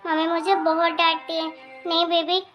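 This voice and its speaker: A woman voicing a timid young girl, a maid's daughter, in an animated cartoon, speaking softly and pleading. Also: very high voice, moderate pace, lo-fi sound, faint music behind. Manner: timid, soft-spoken, pleading.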